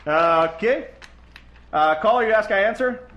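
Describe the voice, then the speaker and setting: A man's voice: sits high, animated, a little slow, a bit bright, muffled recording, a little hiss or hum. A man hosting a live call-in podcast, brash and sarcastic, often cutting in on callers. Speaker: radio show host.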